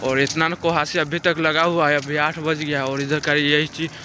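A man's voice: on the high side, level tone, moderate pace, background noise. A young man, narrating a casual village vlog as he walks, talking to a phone camera held at arm's length outdoors. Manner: chatty, walking narration to a handheld camera. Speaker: vlogger. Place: outdoors in a foggy village field.

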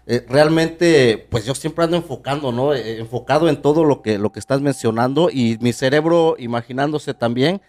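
A man's voice: medium pitch, moderate pace, few pauses, a little mellow. A man with a Mexican accent hosting a podcast, praising his guest in an eager, rambling way with many restarts. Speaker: podcast host. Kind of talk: casual podcast conversation.

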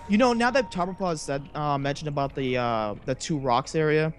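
A man's voice: on the high side, moderate pace, a little hiss or hum. A man chatting casually and joking while commenting on a video game over a voice call. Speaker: let's play co-host.

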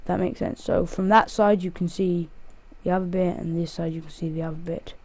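A man's voice: high-pitched, steady tone, a little fast, mellow, no echo. A male gaming host giving casual, rambling gameplay commentary, counting aloud and joking at himself as he plays. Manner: rambling, self-mocking, counts aloud while playing.

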